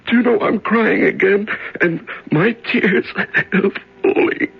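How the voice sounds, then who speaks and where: A man's voice: very deep voice, big pitch swings, vocal fry, breathy edge, heavily acted. An actor in a 1970s radio drama, playing a man shaken and stammering after weeks locked alone in darkness. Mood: tearful wonder. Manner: halting, stammering, tender then trembling. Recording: dull old radio broadcast.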